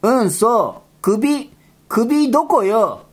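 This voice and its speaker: Woman doing a rough-talking rabbit dude, scolding and exasperated, pitch swooping all over, comedy skit. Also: very animated, slow pace, a little mellow, exaggerated voice. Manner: rough boyish speech, scolding retorts. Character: gruff bossy rabbit guy, exasperated straight man.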